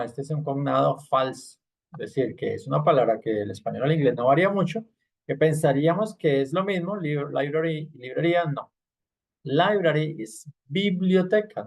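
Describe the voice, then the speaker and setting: A man leads an online language class, explaining step by step and checking in with his students through frequent little tag questions. His voice sits a bit high and carries a gravelly edge. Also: darkish tone. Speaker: English teacher.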